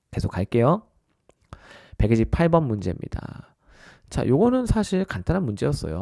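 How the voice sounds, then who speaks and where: A man delivers a recorded test-prep lecture in a mellow, darker voice at a mid pitch. He keeps checking in with his listeners through short tag questions and calls them his students. The sound is dry and close, with no room around it. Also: vocal fry, no echo. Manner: addresses listeners as "our students". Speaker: English test prep instructor.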